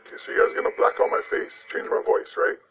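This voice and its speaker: A man's voice: fast, heavy background noise. A police officer with an electronically disguised voice, telling a ghost story from his patrol in a plain, matter-of-fact way. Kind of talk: recounting a personal ghost story in an interview. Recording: muffled lo-fi audio, distant mic, loud music bed.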